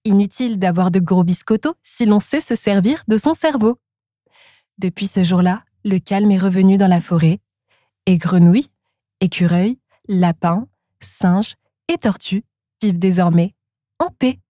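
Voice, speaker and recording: A woman narrating a children's storybook in a calm, clear storytelling manner. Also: medium pitch, measured pace, no room sound, studio quality.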